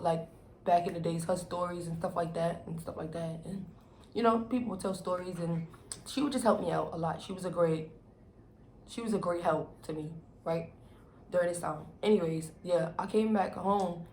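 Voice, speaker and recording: A young adult woman vlogger telling a personal story in casual, animated slang, acting out what people said. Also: fairly low pitch, moderate pace. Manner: animated storytelling, acts out quotes, heavy slang and swearing. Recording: roomy echo with faint background noise.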